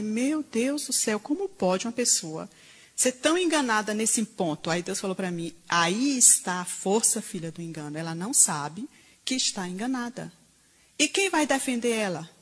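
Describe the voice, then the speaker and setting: A woman preacher, delivering a sermon in animated storytelling style and acting out the people she quotes. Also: medium pitch, breathy edge. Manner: animated storytelling, quoting others in dialogue. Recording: reverberant hall.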